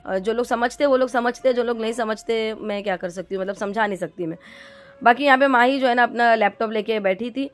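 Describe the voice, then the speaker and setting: A woman's voice: on the high side, fairly quick. A middle-aged woman from India telling a vlog story to her viewers, chatty and rambling with lots of fillers and restarts. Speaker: vlogger.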